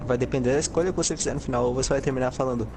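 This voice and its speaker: A man's voice: medium pitch, fairly even intonation, very fast, creaky, background noise. A Brazilian man doing casual gameplay commentary in a slangy, joking way. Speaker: gamer. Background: music and game audio.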